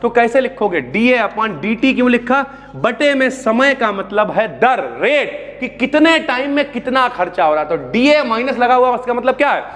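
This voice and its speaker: High-voiced chatty chemistry teacher. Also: male voice, expressive, normal speed, fairly bright tone. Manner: chatty, calls students brother, asks and answers own questions. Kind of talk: classroom lecture. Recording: long hall reverb.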